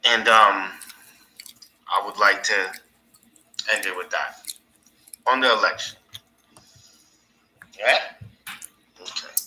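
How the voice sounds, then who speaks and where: A man's voice: fairly low pitch, slow, long pauses, bright, forceful tone. A man hosting his own podcast in a casual, rambling monologue, laughing at his own stories. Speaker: podcast host. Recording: echoey room.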